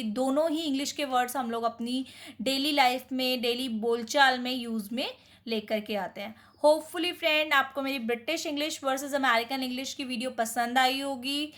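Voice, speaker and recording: A woman teaching English vocabulary in Hindi, quizzing viewers and repeating each answer more softly. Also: sits high. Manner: mixes Hindi and English words.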